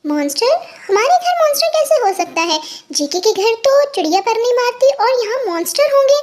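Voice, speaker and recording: A woman's voice: extremely high pitch, sing-song, a little fast, a little mellow. A woman voicing a protective young male mafia boss who fires off demanding, threatening questions in a fan fiction story. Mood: incredulous.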